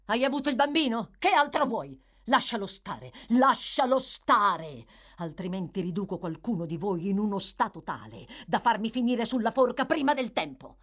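A woman's voice: a little high, big pitch swings, a little slow, hardly any pauses. A woman voicing a fierce, defiant young woman who cries out passionately. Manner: defiant, crying out loudly.

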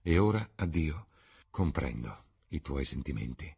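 A man reading as a melancholy painter with a very low, husky voice kept quiet and subdued. He speaks earnestly and sadly, with the feel of a spoken audiobook. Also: very animated, measured pace, heavily acted.

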